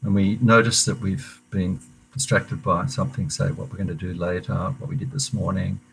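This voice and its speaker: A man leading an online meditation class, speaking gently and haltingly, with many fillers and restarts. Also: deep voice, fairly even intonation, vocal fry, rough recording. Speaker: meditation teacher. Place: room at a meditation centre.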